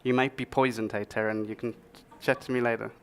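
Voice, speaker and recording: A man's voice: mid-range voice, level tone, brisk. A man giving a humorous tech talk at a conference, joking as he presents. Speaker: conference speaker.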